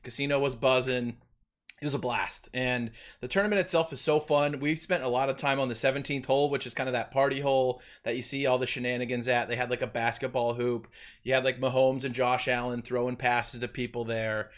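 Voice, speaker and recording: A man's voice: medium pitch, flat delivery, a little fast, fairly bright tone. A young man hosting a casual sports podcast, easygoing and chatty, laughing often. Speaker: podcast host.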